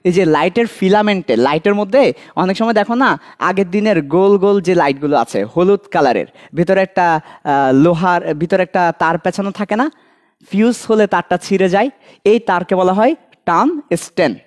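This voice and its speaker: A teacher with a Bangladeshi accent and a mid-range voice gives an online admission-prep chemistry lesson at a moderate pace. The teacher repeats key points, quizzes students directly, and adds light jokes.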